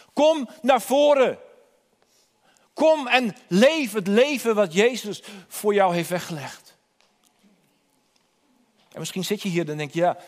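High-voiced preacher in an echoing hall. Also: male voice. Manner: storytelling, urgent invitations, repeats words. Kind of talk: sermon. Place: church hall. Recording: long reverb in a hall.

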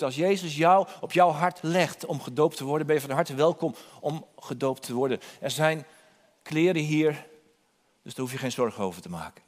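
A male preacher with a high voice tells a Bible story in a church hall, and his voice rings out in a long reverb. He speaks with urgency and calls the listeners to come forward. He often repeats words as he searches for the next phrase. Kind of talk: sermon.

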